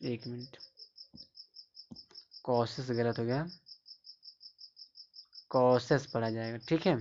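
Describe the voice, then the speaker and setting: A man's voice: medium pitch, slow, a little mellow. A man teaching English pronunciation in a classroom-style lesson, repeating each word several times and asking the learners rhetorical questions. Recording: slightly dull lo-fi sound with faint background noise.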